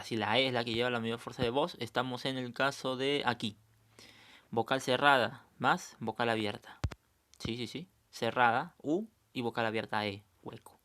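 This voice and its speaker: A man's voice: medium pitch, a bit bright. Patient man teaching a grammar review. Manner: patient, explanatory, checks in with students. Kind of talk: recorded review lesson.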